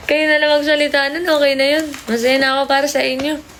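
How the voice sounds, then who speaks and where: A woman's voice: high-pitched, little pitch movement, normal speed, fairly bright tone, a little hiss or hum. A young woman from the Philippines chatting casually with viewers on a phone livestream, playful and giggly, mixing English into her talk. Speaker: idol group member livestreaming.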